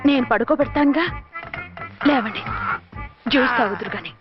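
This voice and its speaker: An actress playing a fussy, affectionate young wife who talks in a coaxing, sing-song way, in a film comedy scene. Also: female voice, high-pitched, moderate pace, lightly acted. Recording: muffled film soundtrack with music.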